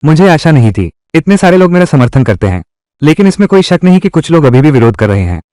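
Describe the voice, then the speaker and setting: A man's voice: fairly high pitch, sing-song, quick pace, dark tone, no echo, studio quality. A man voicing a cunning young emperor who mocks his court in a dubbed historical drama. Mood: scheming, taunting. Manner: taunting, with sly chuckles. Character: scheming young male emperor, mocking and cunning. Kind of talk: Hindi dub of a historical drama.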